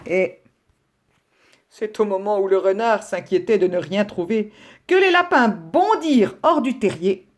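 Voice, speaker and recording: A woman teacher reads a children's story aloud to her class. She takes her time over each phrase, and her lively voice rises and falls through the telling. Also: mid-range voice, a little slow. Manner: expressive, storytelling delivery.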